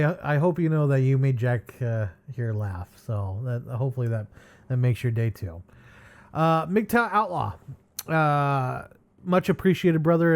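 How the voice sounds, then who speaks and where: A man's voice: mid-range voice, darkish tone. A man hosting his own channel and reading viewer comments in a casual, rambling way, with many fillers, sighs and chuckles.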